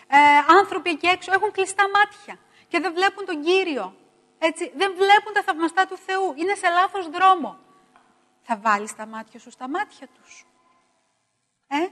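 Emphatic middle-aged woman preaching in a hall. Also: high-pitched. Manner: emphatic and repetitive, swinging between loud stresses and hushed asides. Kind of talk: sermon.

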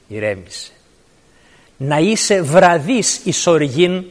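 A man preaching a sermon, explaining scripture word by word and verse by verse. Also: sits high. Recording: long reverb of a large hall.

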